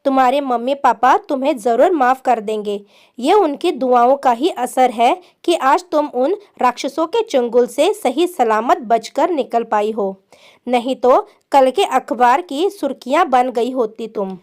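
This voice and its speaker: A woman's voice: sits high, expressive, a little slow, a little mellow. A woman voicing a kind young man who earnestly lectures a runaway girl in a spoken story. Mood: earnest advice. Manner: earnest, preachy.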